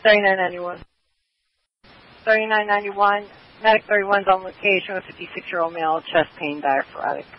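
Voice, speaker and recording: A man's voice: sits high, steady tone, a little fast. A man passing terse emergency messages over a two-way radio. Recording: dull, hissy radio transmission.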